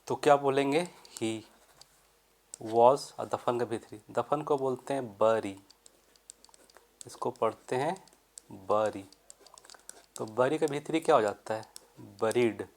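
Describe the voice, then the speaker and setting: Slow, deliberate man teaching grammar. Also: medium pitch. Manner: explains step by step, asks questions and answers them himself; reads the English sentences slowly and deliberately. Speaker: English teacher. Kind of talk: Hindi-medium English grammar lesson.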